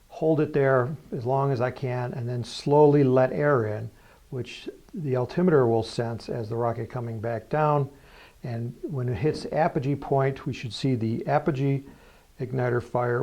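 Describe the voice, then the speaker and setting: A man's voice: mid-range voice, steady tone, measured pace, gravelly, darkish tone. A man presenting a hands-on hobby tutorial in a casual, plain-spoken, explanatory way. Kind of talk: casual hands-on demonstration narration.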